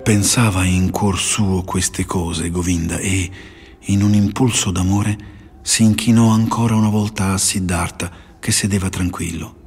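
A man narrating a literary audiobook in a warm, slow, contemplative and often hushed voice. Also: sits low, fairly even intonation, slightly rough. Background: faint music.

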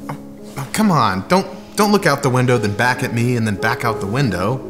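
A man's voice: mid-range voice, animated, a little fast. A man in a comedy sketch, pleading and exasperated with his friend. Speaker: sketch partner. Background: music.

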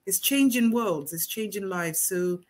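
A woman moderating a panel, warmly encouraging and effusive toward the speakers over a video call. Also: mid-range voice, unhurried.

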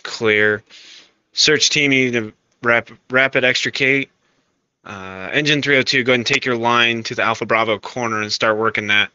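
A man's voice: medium pitch, moderate pace, sharp tone, clean tone, dry recording. A male fire incident commander giving directive, procedural orders over a two-way emergency radio. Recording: dull lo-fi radio, faint static.

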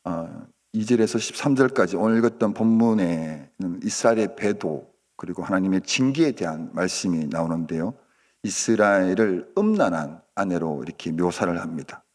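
A man preaching at a dawn prayer service, telling a story dramatically and swinging between loud outbursts and hushed asides. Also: low voice, expressive, moderate pace. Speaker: pastor.

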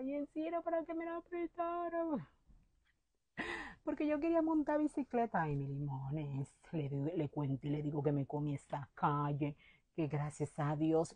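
A Dominican woman vlogger telling a rambling, animated story to her viewers, often stopping to address them directly. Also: on the low side, no echo. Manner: animated, repeats "mi limones" often, restarts and laughs.

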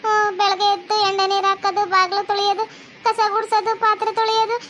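A very high, squeaky cartoon voice of a weepy young village bride, pleading in a North Karnataka accent. A faint hiss sits behind her, and her voice stays high and piping throughout. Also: flat delivery, fast. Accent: North Karnataka Kannada.

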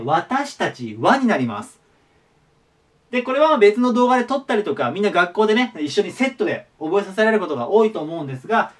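A man giving a casual vocabulary lesson, friendly and polite, repeating each word slowly and clearly. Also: high voice, a bit bright. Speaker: English teacher. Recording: voice a bit far from the mic.

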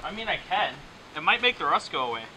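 A young man with a fairly high voice makes offhand, joking remarks while he helps out. He is outdoors in a driveway, heard by a camera a few feet away, with clear noise behind him. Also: sing-song, quick pace, far from the mic. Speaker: friend helping with the car. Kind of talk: casual chat.

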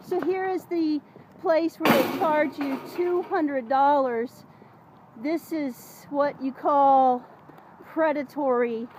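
A woman filming herself on a handheld phone outdoors in a parking lot, politely but persistently pressing for clear answers. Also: sits high, takes it slowly, a little mellow, slight background noise. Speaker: towing victim filming her ordeal. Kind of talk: handheld phone vlog and phone call. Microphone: phone camera held in hand.

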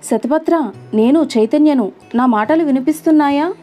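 A woman's voice: high-pitched, moderate pace, mellow, faint music behind, lightly acted. A woman voicing a teasing young male spirit. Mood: reassuring. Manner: teasing, murmured close to the ear. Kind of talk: audiobook character voice.

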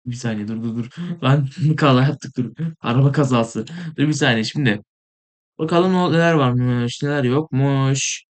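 A young man casually commenting on his gameplay, rambling and excitable, sometimes mumbling, saying he is tired. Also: mid-range voice, moderate pace. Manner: rambling, excitable, swears in frustration, trails off into mumbling. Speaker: gaming video host.

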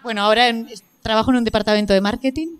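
A woman's voice: a little high, fairly even intonation, very fast, clear, resonant tone. Composed woman from Navarre telling a tale. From Navarre, Spain. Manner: orderly, composed storytelling. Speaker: audience member telling a story. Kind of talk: casual anecdote on stage.

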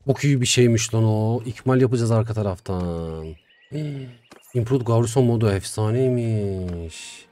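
A young man giving casual, chatty commentary while playing a strategy game, talking to himself with excitable swings. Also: fairly low pitch, normal speed. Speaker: gaming YouTuber. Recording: faint music behind.

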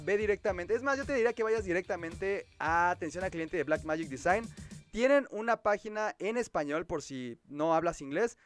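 A man with a Mexican Spanish accent, hosting a casual livestream and chatting as he reads viewer comments aloud and answers them. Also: high voice. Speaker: livestream host.

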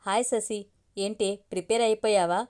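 A woman's voice: medium pitch, fairly even intonation, moderate pace, a little mellow, clear, resonant tone, close to an everyday voice. A woman voicing a friendly young college girl who reassures her best friend. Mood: reassuring.

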